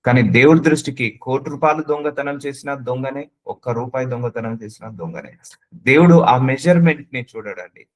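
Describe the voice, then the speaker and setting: A man's voice: medium pitch, moderate pace, low-quality recording. A man preaching a sermon, earnestly addressing the listener with repeated questions and slipping English words into his speech.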